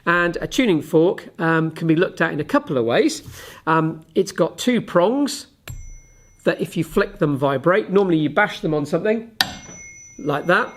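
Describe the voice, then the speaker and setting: A man teaching a physics lesson to camera, chatty and unhurried, often pausing with ums while he demonstrates with objects. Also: a little high, expressive. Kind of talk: relaxed classroom explanation to camera.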